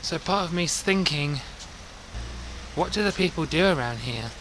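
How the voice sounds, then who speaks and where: A man's voice: a little high, expressive, unhurried. A man narrating a casual travel vlog from buses and town streets, chatty and reflective in tone. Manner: chatty, warm-hearted and reflective. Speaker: bus travel vlogger. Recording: loud vehicle and street noise.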